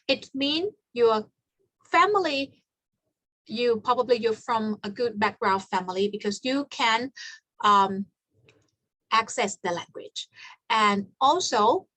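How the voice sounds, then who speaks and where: This is a conference talk in which a Thai-born researcher, Thai being her native language, guides the audience through her study. She sounds measured, explanatory and a bit formal, with a fairly high, fairly bright voice. There's no room reverb; the audio is close and dry.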